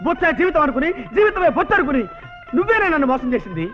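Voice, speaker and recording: Scheming bald son-in-law, smug, very high voice, muffled old film audio. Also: male voice, big pitch swings, very fast. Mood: indignant. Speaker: film comic actor. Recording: dull old film soundtrack with music.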